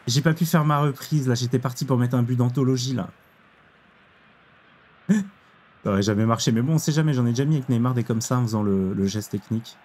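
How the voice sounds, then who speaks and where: A young man commenting on his own football video game match, excitable, exclaiming and groaning at each play. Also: medium pitch, fairly quick. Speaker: gaming YouTuber. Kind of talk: live gameplay commentary.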